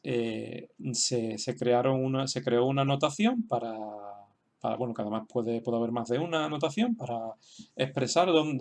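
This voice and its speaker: Guy teaching, lots of ums and restarts, bit of fry in the voice. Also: medium pitch, darkish tone. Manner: hesitant, many fillers and restarts. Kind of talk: online lesson, unscripted explanation.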